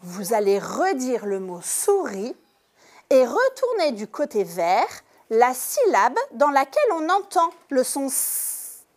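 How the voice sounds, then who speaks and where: A woman teacher giving a lesson to young pupils in a classroom, speaking slowly and clearly and stressing each syllable. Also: sits high, sing-song, a little mellow. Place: primary school classroom.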